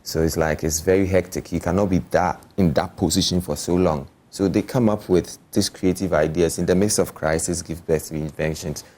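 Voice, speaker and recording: A man's voice: deep voice, fairly even intonation, brisk, hardly any pauses, darkish tone. A man, an artist talking casually and explaining things in an interview. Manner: explanatory, often checking the listener follows.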